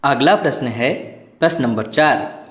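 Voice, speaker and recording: A man's voice: medium pitch, lively intonation, unhurried, fairly bright tone, echoey room. A man teaching a Hindi lesson to young children, asking questions and repeating each answer while stretching the words out.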